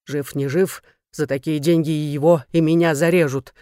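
A reader voicing a gruff, blunt, tired middle-aged father who speaks curtly. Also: fairly high pitch, steady tone, normal speed, a little mellow, no room sound, clean studio sound, natural voice. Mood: grim. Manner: curt, growling.

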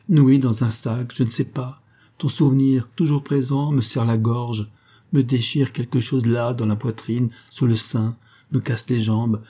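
A man's voice: mid-range voice, warm tone, husky, close to an everyday voice. A man reading a trembling, desperate society woman who pleads with her lover. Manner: trembling, imploring, rising to outbursts.

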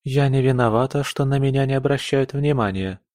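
An unbothered elder daughter who answers her family's attacks with a shrug in her voice, as a male narrator speaks her. The tone stays near his own medium pitch, quiet and level. The recording is close and dry. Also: fairly quick, no echo, lightly acted. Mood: cool. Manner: cool and indifferent. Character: calm, indifferent young noblewoman, elder sister.

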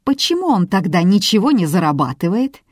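A woman's voice: medium pitch, very animated, brisk, slightly rough, dry recording, clean studio sound. Woman playing a mocking, scoffing husband, audiobook.

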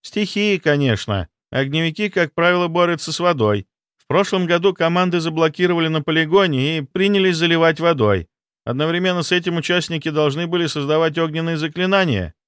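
A man's voice: fairly high pitch, a little fast, fairly bright tone, smooth, dry recording, clean studio sound, pitched above the performer's own voice, lightly acted. A man voicing a young woman student mage who explains things earnestly. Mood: explaining.

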